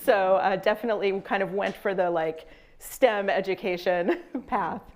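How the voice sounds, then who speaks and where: A woman's voice: medium pitch, moderate pace, darkish tone. Chatty woman professor from Massachusetts. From Massachusetts, USA. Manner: chatty, full of fillers and self-corrections, laughs lightly. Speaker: professor and guest speaker. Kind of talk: casual personal storytelling in an interview.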